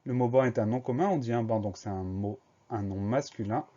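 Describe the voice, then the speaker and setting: A man teaching a spelling lesson for young schoolchildren, going slowly and spelling each word letter by letter. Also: medium pitch, warm tone, highs cut off. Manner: slow, spells words letter by letter.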